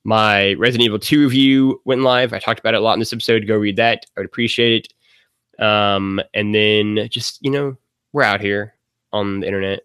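A man's voice: on the low side, fairly even intonation, brisk, fairly bright tone, smooth, dry recording. A man talking casually as a guest on a gaming podcast, rambling with lots of fillers and frequent laughs.

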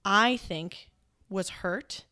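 A woman's voice: medium pitch, very slow, bright, forceful tone. Woman, podcast co-host, casual chat, remote call, choppy cutting-out audio. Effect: choppy internet audio cutting out. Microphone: remote internet call.

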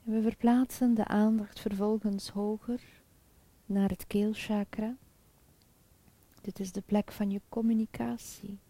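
A woman guiding a chakra meditation in a soft, calm, half-whispered spa-like voice with long pauses. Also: medium pitch, no room sound. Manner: slow, calm, soothing, with pauses. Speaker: meditation guide.

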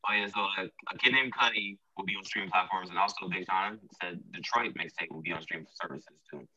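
Male podcast co-host, casual chat, quick and sharp voice, slightly distant, dull recording. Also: deep voice, dry recording. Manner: loose, animated, trails off and restarts. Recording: muffled, off-mic.

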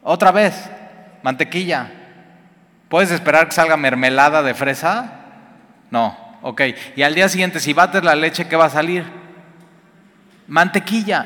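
A man's voice: a little high, bright, forceful tone, long reverb tail. A man preaching a sermon in a conversational way, asking his listeners questions. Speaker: pastor.

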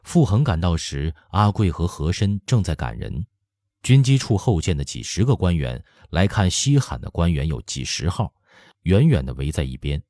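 A man narrating a historical novel as an audiobook, telling the story in an expressive way. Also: low voice, normal speed, no echo, studio quality. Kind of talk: scripted narration.

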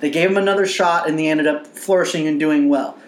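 A man co-hosting a podcast in casual sports chat, animated and profane, laughing often. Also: a little high, quick pace, reverberant. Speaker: podcast co-host.

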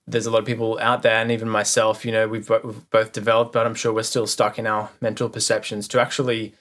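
A man co-hosting a casual podcast talks earnestly and motivationally about mindset, putting questions to his co-host. His voice is fairly low yet fairly bright, delivered fast and completely flat.

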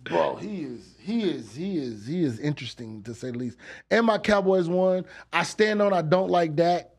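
A man's voice: a little high, animated, normal speed, vocal fry, slightly rough. A man co-hosting a sports talk show, joking and slangy in casual banter. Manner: joking, laughs often, slangy. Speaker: sports podcast co-host.

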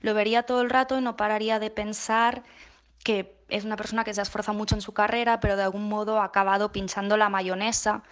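A woman guest giving a playful, rambling, deadpan comic answer. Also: medium pitch, fast. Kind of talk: recorded comedic answer.

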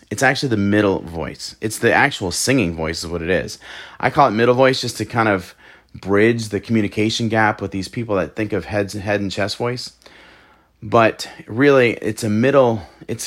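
A man giving a casual online singing lesson at home, emphatic and excitable, often restarting his sentences. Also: fairly low pitch. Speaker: voice teacher.

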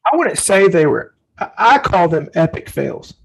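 Earnest man with a high, gravelly voice. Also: big pitch swings, moderate pace, poor audio. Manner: earnest, storytelling, acts out quotes. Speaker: podcast co-host. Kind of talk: casual faith-based parenting talk.

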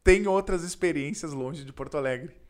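A man from southern Brazil with a Gaúcho accent, telling a story in casual chat, animated and slangy, acting out the voices of the people in it. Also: on the high side, moderate pace. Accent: Gaúcho Brazilian Portuguese. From Rio Grande do Sul, Brazil.

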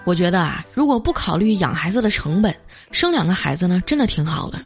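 Woman, comic storytelling, lively pitch, faint music behind. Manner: chatty, drawn-out particles. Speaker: streamer.

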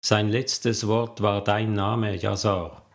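A man's voice: fairly low pitch, flat delivery, slow pace, gravelly. A man voicing a tough, determined female police detective in an audiobook. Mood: somber.

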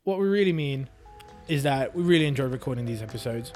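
A man's voice: medium pitch, animated, fast, over music. A man chats casually as a podcast co-host. His voice sits in an ordinary middle register. He talks in a wry, joking, self-deprecating way. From Hungary. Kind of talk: casual chat.

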